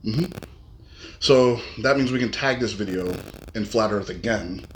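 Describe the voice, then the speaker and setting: A man co-hosting a gym podcast in casual chat, joking in a deadpan way. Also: fairly low pitch, a little slow. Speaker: podcast co-host. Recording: echoey room, faint background noise.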